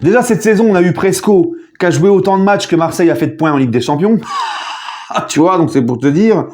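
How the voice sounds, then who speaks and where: Chatty French football fan vlogger. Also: male voice, sits high, brisk. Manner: chatty, jokey, animated with sudden loud outbursts. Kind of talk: casual video commentary.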